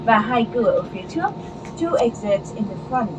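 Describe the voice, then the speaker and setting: A woman's voice: a little high, lively intonation, a little fast. A woman flight attendant giving a formal, scripted cabin safety announcement. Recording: muffled, noisy aircraft cabin speaker. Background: clear aircraft cabin noise.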